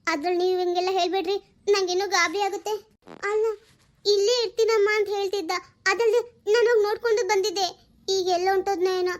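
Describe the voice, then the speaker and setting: A woman's voice: steady tone, quick pace. A woman playing a worried young mother who pleads and frets in a homemade family drama. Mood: frightened. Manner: tearful, pleading, high and thin. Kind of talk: amateur audio family drama.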